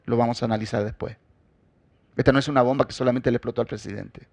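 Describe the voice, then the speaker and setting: A man preaching a sermon as pastor. He addresses the congregation directly and swings between loud, forceful emphasis and quiet asides. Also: mid-range voice, steady tone, quick pace, gravelly, dry recording.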